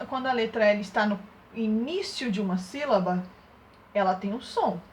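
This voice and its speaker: Slow sing-song primary teacher woman. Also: on the high side, slight background noise. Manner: sing-song, coaxing questions, exaggerated loud demonstration of sounds. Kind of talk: remote lesson for young children.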